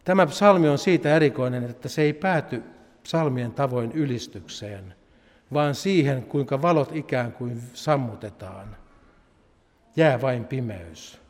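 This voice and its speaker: A man preaching a sermon and reading a psalm aloud, solemn and measured, his phrases trailing off softly at the ends. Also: medium pitch, animated, big-room sound.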